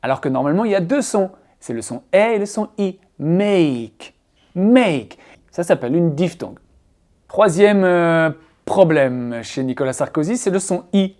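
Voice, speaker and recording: A man from France teaching an English-pronunciation video lesson in a playful, teasing, animated way. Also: on the high side, normal speed.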